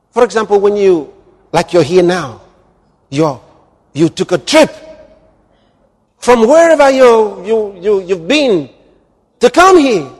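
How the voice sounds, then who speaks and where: A male pastor preaching a sermon, moving from hushed, drawn-out lines to loud exclamations. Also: sits high. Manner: dramatic, swings from hushed to exclaiming. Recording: long hall reverb.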